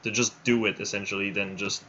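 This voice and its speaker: A man's voice: on the low side, little pitch movement, brisk, bright, forceful tone. Streamer host, male, headset livestream audio, rambling casual delivery, lo-fi sound. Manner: rambling, restarts often. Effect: livestream headset mic audio. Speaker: livestream host running a build showcase. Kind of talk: casual live-stream chat.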